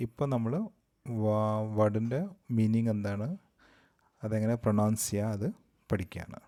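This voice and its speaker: Slow Malayali man teaching vocabulary. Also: fairly low pitch, mellow. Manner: slow, repeats each word twice. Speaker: language teacher. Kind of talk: vocabulary lesson.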